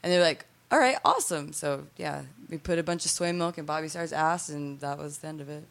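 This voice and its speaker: A woman's voice: low voice, little pitch movement, a little fast, creaky. A young woman telling candid, crude stories in a casual chat, full of fillers and restarts.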